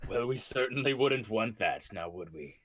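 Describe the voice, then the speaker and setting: A man's voice: expressive, moderate pace, fairly bright tone, a little hiss or hum. Man doing an oily scheming adventurer. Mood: mock-polite. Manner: low, oily, mock-polite. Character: smooth-talking male adventurer, deceitful.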